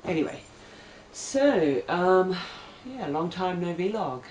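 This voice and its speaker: A woman's voice: lowish voice, lively intonation, slow pace, darkish tone, slight background noise. A young woman from Australia chatting to her camera at home, hesitant and full of ums. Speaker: vlogger. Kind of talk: casual chat to camera. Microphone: camera mic. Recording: echoey room, mic at a distance.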